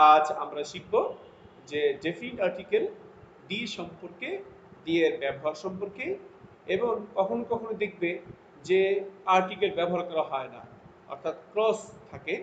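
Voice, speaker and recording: High-voiced male teacher, echoey lo-fi recording. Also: animated. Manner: slow, deliberate English example sentences between explanations. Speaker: English grammar teacher. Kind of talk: recorded classroom lesson. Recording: lo-fi echoey room with faint noise.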